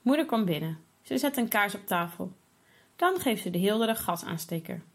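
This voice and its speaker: A woman reading a children's story aloud in a steady, expressive way. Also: medium pitch, normal speed.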